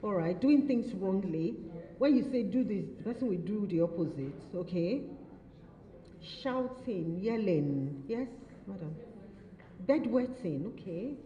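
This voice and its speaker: A woman's voice: mid-range voice, animated, measured pace. A woman running an interactive workshop, repeating and affirming answers from the audience and teasing participants playfully. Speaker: workshop facilitator. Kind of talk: interactive training session. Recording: echoey hall, dull lo-fi sound.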